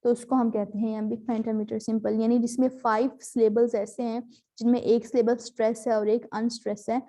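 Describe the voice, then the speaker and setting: A woman with a fairly high, mellow voice teaches a class over a video call. She explains patiently and slips terms into her lesson. Her delivery is relaxed and full of small fillers. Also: moderate pace. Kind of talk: online class lecture.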